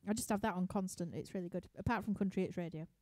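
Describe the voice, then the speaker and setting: A woman's voice: fairly low pitch, racing, dark tone, no room sound. A young woman with a Yorkshire accent, chatting casually at home as she reads out viewer questions on a live stream, rambling, laughing and using many fillers. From Yorkshire, England. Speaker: musician hosting a live stream Q&A. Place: living room at home.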